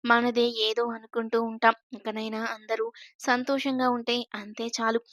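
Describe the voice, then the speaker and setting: A woman voicing a gentle, emotional elderly grandmother in a storybook reading, speaking softly. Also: fairly high pitch, flat delivery, moderate pace, dry recording, clean studio sound, close to an everyday voice. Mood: tender.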